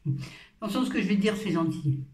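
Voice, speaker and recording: A woman's voice: medium pitch, animated, normal speed, warm tone. A woman in her fifties chatting casually and playfully through her skincare routine at home, with self-mocking asides. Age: 50s. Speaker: beauty vlogger. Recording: roomy echo, far from the mic.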